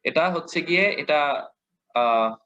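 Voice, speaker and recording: A man with a Bangladeshi Bengali accent teaching a lesson, patiently repeating examples and modeling slow recitation. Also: fairly high pitch, expressive, bright, forceful tone. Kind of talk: explanatory lesson. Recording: dull lo-fi audio.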